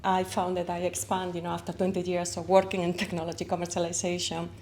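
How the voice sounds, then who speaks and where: A Spanish company founder with a Spanish accent speaks a little fast in a lowish voice during a conference interview, with slight background noise. She's animated and expressive, reaching for vivid comparisons.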